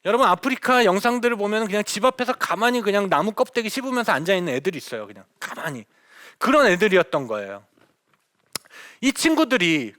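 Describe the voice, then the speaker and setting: A middle-aged man, a missionary, telling stories to an audience in a lively lecture, acting out the dialogue. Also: high voice, dry recording, clean studio sound. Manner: animated storyteller, acts out quoted dialogue.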